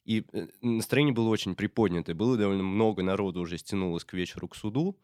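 Low-voiced man, halting speech. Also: darkish tone, no echo, studio quality. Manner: halting, frequent filler sounds. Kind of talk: casual spoken recollection.

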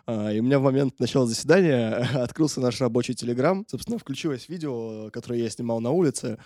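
A man's voice: mid-range voice, fast talker, warm tone, dry recording, studio quality. A man, a correspondent, recounting events in casual talk, hesitant with many filler sounds and restarts. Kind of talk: casual spoken recollection.

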